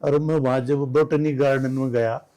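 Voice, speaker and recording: A man's voice: mid-range voice, steady tone, normal speed, warm tone, smooth. An older man from Haryana, a guest telling stories in a casual interview chat. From Haryana, India. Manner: storytelling, acting out quoted dialogue. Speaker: guest writer.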